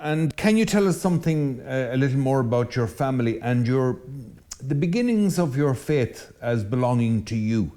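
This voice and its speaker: Priest hosting, mellow and formal. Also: male voice, medium pitch, lively intonation. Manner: measured, formal phrasing. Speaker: host, priest. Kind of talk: interview host.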